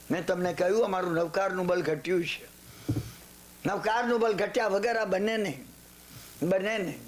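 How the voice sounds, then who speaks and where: An older man preaches a sermon in a very high voice. He swings between low, quiet asides and sudden high exclamations, and keeps checking that his listeners understand. A faint hiss runs under the old recording. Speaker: Jain religious speaker.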